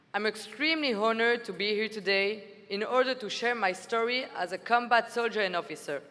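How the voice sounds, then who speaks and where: Her fairly high pitch and fairly bright tone mark this formal, earnest read-aloud speech by a Belgian army officer in her twenties. She is speaking in a large conference hall, and the PA leaves audible hall reverb.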